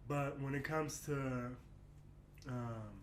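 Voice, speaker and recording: Speaking slowly in a mid-range voice, a late-twenties basketball player reflects candidly during a casual interview, dropping plenty of "you know what I mean"s. The recording comes from an echoey room with faint music and slight background noise.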